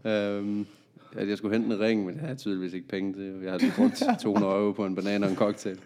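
A man, a comedian and podcast guest, telling a story in a lively, laughing way. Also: fairly low pitch. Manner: animated, laughing anecdote telling.

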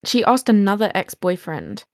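A woman's voice: medium pitch, huge pitch swings, moderate pace, a little mellow, no echo. Chatty woman in a dry room. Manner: chatty, adds details eagerly. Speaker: podcast co-host. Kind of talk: casual chat.

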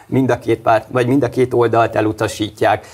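A man's voice: medium pitch, little pitch movement, darkish tone, husky. A male host in a studio political discussion, talking hesitantly with many fillers and restarts.

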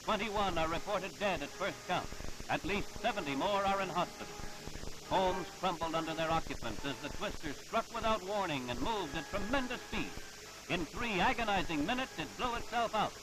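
A man's voice: high voice, animated, normal speed, background noise. A man narrating an old archival newsreel in a formal, dramatic announcer delivery. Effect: old archival newsreel sound. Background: music under the narration.

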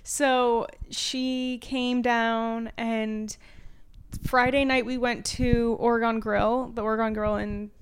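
Smooth-voiced chatty woman telling a story. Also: fairly high pitch, level tone, slow pace. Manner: chatty storytelling with many "like" fillers; acts out what other people said. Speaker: podcast co-host. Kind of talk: casual chat.

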